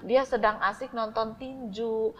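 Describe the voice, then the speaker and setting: A woman's voice: fairly high pitch, fairly even intonation, unhurried, long reverb tail, muffled recording. A woman voicing a young schoolboy who whines and pleads for help, in a raised voice, in a devotional story. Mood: whining. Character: small schoolboy, whiny and near tears.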